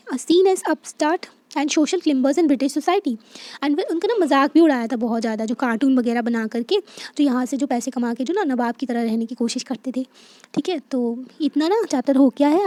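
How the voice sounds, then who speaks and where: A woman teacher explaining a history textbook chapter, reading lines slowly and then explaining them in a chatty way with frequent check-ins. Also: high voice, mellow, no room sound. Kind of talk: explaining a textbook lesson to students.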